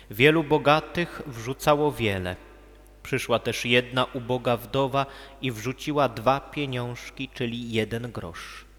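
A man reading a gospel passage aloud at a church service, steady and deliberate. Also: mid-range voice. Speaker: gospel reader. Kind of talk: liturgical reading. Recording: long church reverb.

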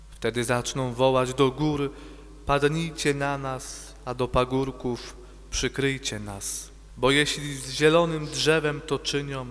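A man reading the words of Jesus in a liturgical Passion reading, slow and solemn. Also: mid-range voice, fairly bright tone. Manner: slow, measured, solemn delivery. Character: Jesus, solemn grown man, calm and grave. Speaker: reader of the Passion. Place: church. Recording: long church reverb.

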